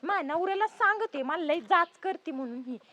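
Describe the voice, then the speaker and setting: A woman playing a shrill, nagging village daughter-in-law. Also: animated, fairly quick, pushed and bright, a little hiss or hum, heavily acted. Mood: scolding. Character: cruel greedy young daughter-in-law, scolding. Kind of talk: village family drama acting.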